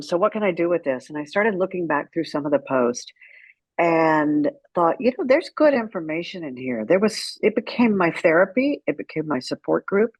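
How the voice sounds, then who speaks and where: As a guest in an interview, this middle-aged woman shares stories with wry candor, voicing the exchanges she remembers. Her voice sits low, and the recording is dry with a dull sound.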